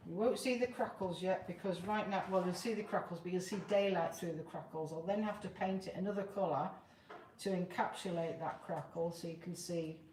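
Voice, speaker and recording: A woman's voice: on the low side, brisk, darkish tone. A woman in her fifties hosting a live craft tutorial in a plain-spoken, chatty, informal way. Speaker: craft demonstrator, live show host. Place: large open workshop, indoors. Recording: roomy, noisy workshop, far from mic.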